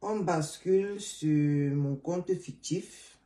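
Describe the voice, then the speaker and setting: A hoarse woman hosting a casual live chat, greeting viewers by name and repeating calls to share. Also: low voice, slow pace, warm tone, distant mic. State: hoarse, voice partly gone. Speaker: livestream host. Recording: roomy sound, away from the mic.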